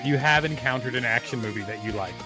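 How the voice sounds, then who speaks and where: A man's voice: medium pitch, fast talker, over music. A man co-hosting a live webinar, bantering playfully and arguing his point, his mic audio clipping and distorting. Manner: playful, argumentative. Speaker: webinar co-host. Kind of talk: casual live-stream banter.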